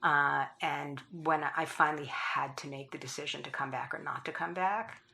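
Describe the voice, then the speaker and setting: A middle-aged woman who is a philanthropist and former professor speaks thoughtfully in an interview, often restarting sentences and laughing softly. Her voice is deep, with vocal fry, fairly even intonation and a moderate pace.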